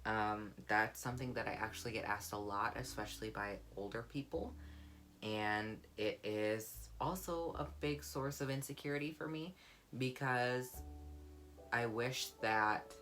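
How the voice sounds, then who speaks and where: A young vlogger speaks a little slowly in a deep, low, warm voice that feels comforting. She's candid, reflective and soft-spoken in her personal vlog, with guitar music playing underneath.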